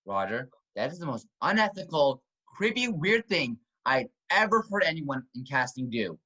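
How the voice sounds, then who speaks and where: A man's voice: on the high side, moderate pace, breathy edge, exaggerated voice. A man playing an anxious casting director who pleads and frets in an online amateur comedy sketch. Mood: fretful. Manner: pleading, fretful, lively. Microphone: video call.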